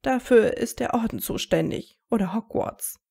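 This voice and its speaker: A woman's voice: fairly high pitch, lively intonation, normal speed, creaky, mellow, breathy edge, exaggerated voice. A woman voicing a strict older female professor, clipped and commanding in a story reading. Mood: stern.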